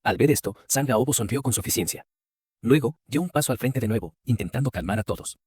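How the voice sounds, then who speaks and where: A man narrates a story recap at a rapid clip in a low, husky voice. The recording is dry and close, with no room sound, and his read stays brisk and even from line to line. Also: no echo.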